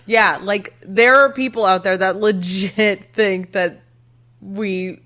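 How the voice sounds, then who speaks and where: A woman from Texas chats on a podcast at an unhurried pace, with a faint drawl. She is frank and wry, her voice of ordinary pitch. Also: steady tone, fairly bright tone. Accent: slight Texas drawl when tired. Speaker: podcast co-host. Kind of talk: casual profane chat.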